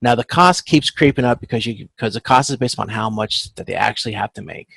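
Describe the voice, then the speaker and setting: A gravelly-voiced man with a fairly low, slightly bright voice teaches supply chain management through an informal spreadsheet walkthrough, sharing his screen on an online video conference. His delivery is halting and self-correcting, punctuated often by "okay?".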